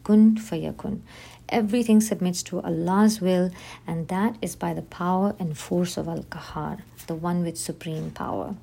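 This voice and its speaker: Female teacher, low warm gravelly voice, measured scripted delivery of a religious lesson. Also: steady tone. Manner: measured, reads definitions as slow lists. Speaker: podcast host teaching on Islam.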